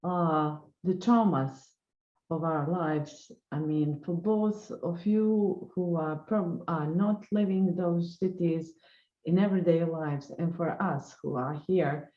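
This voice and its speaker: A woman moderates a panel discussion, feeling her way through her sentences with frequent fillers. Her voice is fairly low and rings in a roomy space, and the recording sounds dull and lo-fi. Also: takes it slowly, warm tone. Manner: searching for words, many fillers.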